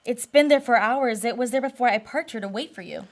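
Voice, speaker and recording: A woman's voice: fairly high pitch, a little fast, close to an everyday voice. An actress playing an anxious, regretful married woman in a radio noir drama, guarded and plaintive.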